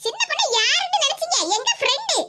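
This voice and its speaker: A woman's voice: extremely high pitch, big pitch swings, quick pace. A woman voicing a chatty, fussy older-sister neighbour in a cartoon. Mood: reassuring. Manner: fussy, talkative, motherly. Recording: noisy recording with clicks.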